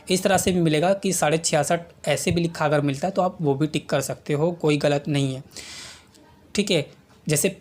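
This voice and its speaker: A young adult male teacher giving an exam-prep lesson. He repeats points and keeps checking in with students, calling them "beta". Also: fairly high pitch. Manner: repetitive, checks in with frequent okays, calls students 'beta'.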